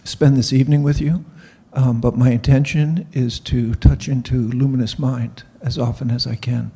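A man, a retreat participant, introducing himself to the group in a warm, hesitant way. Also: mid-range voice, steady tone, normal speed, breathy edge.

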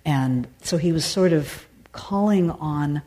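This woman, a meditation teacher and singer, responds to audience questions following a dharma talk. She sounds reflective and exploratory, stopping and starting frequently, and her voice is low-pitched with a dark quality.

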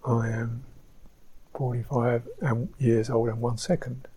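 A man giving a slow, reflective dharma talk as a meditation teacher on a retreat, pausing often. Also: medium pitch, little pitch movement, noisy background. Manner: slow, reflective, soft-spoken with pauses. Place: retreat centre hall.

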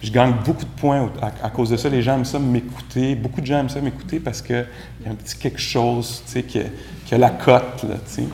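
A man with a Québécois French accent giving a relaxed, conversational Buddhist dharma talk as a meditation teacher, with gentle self-mocking humor. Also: mid-range voice, fast, a little hiss or hum. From Quebec. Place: room with a live group. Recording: echoey room recording.

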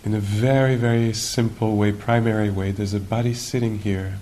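A man teaching at a retreat leads a guided meditation, his tone steady as he muses slowly, asks soft questions, and lets long silences stretch between them. Low rumble and noise run through this live recording.

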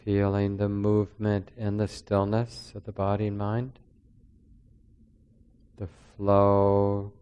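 Slow, calm man guiding breathwork. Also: fairly low pitch, smooth, lo-fi sound. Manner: slow, soft-spoken, calming. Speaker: meditation teacher. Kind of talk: guided breathing meditation.

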